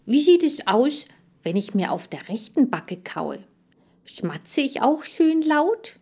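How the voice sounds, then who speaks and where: A woman voicing a greedy, excitable male hamster who shouts with glee. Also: sits high, takes it slowly, breathy edge, voice pushed up, full character voice. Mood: boastful.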